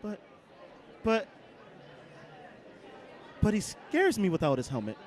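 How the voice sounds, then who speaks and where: A man hosts cosplay interviews outdoors at a convention and teases his co-host in a playful voice. The voice sits high and swoops widely. A faint crowd murmurs in the background. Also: huge pitch swings, slow pace, a little mellow. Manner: playful, teasing, announcer-like delivery. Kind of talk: casual interview chat.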